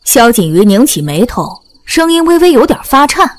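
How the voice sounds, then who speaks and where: Woman narrator for an audiobook, high-ish voice, very lively pitch. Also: moderate pace.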